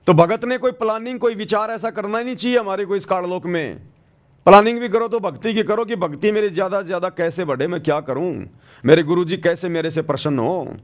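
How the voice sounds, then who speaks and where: A man's voice: high-pitched, fairly quick. A man preaching a devotional sermon to brothers and sisters in an earnest tone, now and then acting out the people he quotes.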